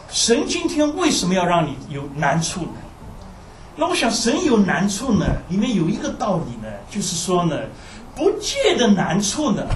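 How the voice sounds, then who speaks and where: A man's voice: high-pitched, slight background noise. A man preaching a sermon, full of rhetorical questions and sighing exclamations. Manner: animated, rhetorical questions with frequent sighing interjections. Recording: roomy hall recorded from a distance.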